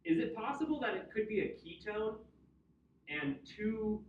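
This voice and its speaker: Man, midwestern accent, chemistry teacher, joking and conversational, somewhat high voice, dull lo-fi classroom sound. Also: very animated, unhurried, roomy sound, distant mic, slight background noise. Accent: Midwestern American. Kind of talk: classroom lecture.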